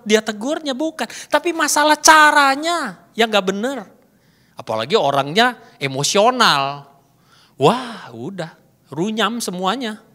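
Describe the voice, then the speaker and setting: Lively pastor preaching in an echoey hall. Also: male voice, high-pitched. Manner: lively, asks the congregation questions, mixes in English words. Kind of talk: sermon. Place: church hall.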